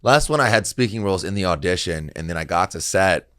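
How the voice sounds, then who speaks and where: A man with a deep, gravelly, low harsh voice, a comedian telling anecdotes in casual, slangy, sweary podcast chat. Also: lively intonation, fast, a bit bright, no echo, clean studio sound. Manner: slangy, profane, bro-like. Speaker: comedian and actor, guest.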